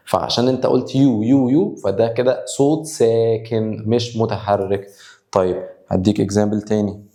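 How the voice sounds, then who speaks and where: A man with an Egyptian Arabic accent teaching English grammar, repeating example words slowly and sounding them out. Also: on the low side, dark tone, roomy sound. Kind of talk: spoken grammar lesson.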